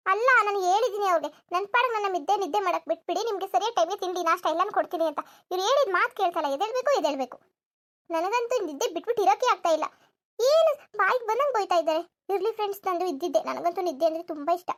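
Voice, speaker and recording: A woman voicing a cheeky lazy cartoon daughter-in-law. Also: extremely high pitch. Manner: cheeky, argumentative, pleading. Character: lazy sleep-loving young daughter-in-law. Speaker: narrator addressing viewers. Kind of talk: cartoon comedy voice acting.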